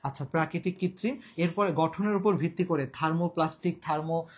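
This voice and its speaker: A man's voice: fairly high pitch, a little fast, slightly rough. A man with a Bangladeshi Bengali accent teaching a live online exam-prep class, repeating key terms and quizzing viewers. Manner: colloquial, mixes in English words.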